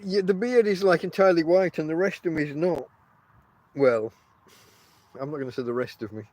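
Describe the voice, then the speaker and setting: A middle-aged podcast host with no teeth, articulating through lips pressed over his gums, keeps up wry, self-deprecating banter in a casual, rambling talk. His voice is a little high and darkish, his delivery brisk, with no room sound.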